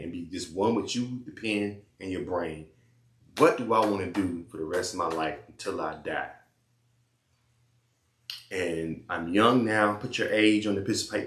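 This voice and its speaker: A man with a very low voice gives blunt, preachy life advice in loose slang, often saying the same thing twice. His voice echoes around a bare room. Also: a bit bright. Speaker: vlogger giving life advice. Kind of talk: casual advice monologue and phone chat.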